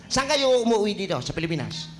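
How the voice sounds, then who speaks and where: A man co-hosting a live-streamed talk show from the Philippines, teasing guests with playful, quick exclamations. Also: high voice, very animated, background noise. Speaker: co-host. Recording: music playing behind.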